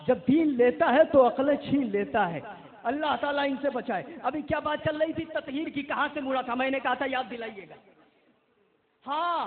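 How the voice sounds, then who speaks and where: A man delivers a fiery sermon in a mosque, speaking with a tinge. His voice sits very high and climbs into shouts as he recites Arabic quotations. The recording is thin and phone-like. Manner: impassioned, rising to shouts, quotes Arabic. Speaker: Islamic preacher. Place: mosque gathering.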